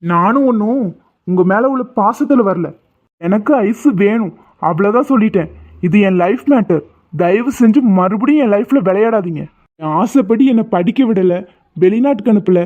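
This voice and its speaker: A man voicing a desperate, lovesick younger son who pleads and then turns fierce and bitter. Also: sits high. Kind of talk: Tamil cartoon voice acting. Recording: tinny phone-like lo-fi audio.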